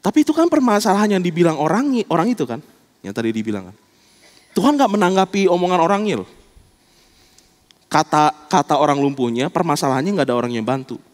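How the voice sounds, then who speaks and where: A male pastor giving a sermon in an animated, casual storytelling way. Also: a little high, quick pace, in a large hall. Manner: animated, colloquial storytelling preaching.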